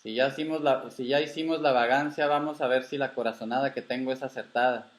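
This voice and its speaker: A man's voice: medium pitch, steady tone, fairly quick, natural voice. A man voicing a stubborn folksy old grandfather. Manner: folksy, affectionate, insistent. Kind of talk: storybook reading.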